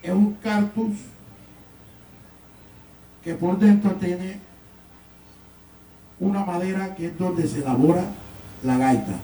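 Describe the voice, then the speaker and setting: A man with a Colombian Caribbean Spanish accent explaining instrument making in a live demonstration, step by step and haltingly, recorded on a distant mic in a roomy space. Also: high-pitched, mellow. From San Juan Nepomuceno, Colombian Caribbean. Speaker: gaita musician and instrument maker.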